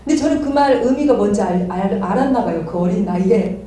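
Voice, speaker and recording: Middle-aged woman, candid testimony with frequent laughs; mellow tone, distant mic in a very echoey room. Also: medium pitch, expressive, fairly quick, slight background noise. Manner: candid, laughs often while telling. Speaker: study group member. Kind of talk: personal testimony sharing.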